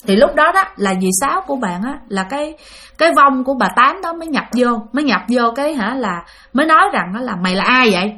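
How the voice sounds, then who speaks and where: Woman storyteller, high-pitched, chatty with fillers. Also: pushed and bright. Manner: chatty, many fillers, addresses listeners. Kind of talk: spoken ghost-story narration.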